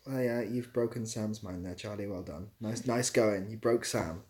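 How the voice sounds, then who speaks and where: At a moderate pace, a man with a low, darkish voice answers questions from his livestream chat. He reads each one out and responds in a relaxed, meandering, self-mocking way.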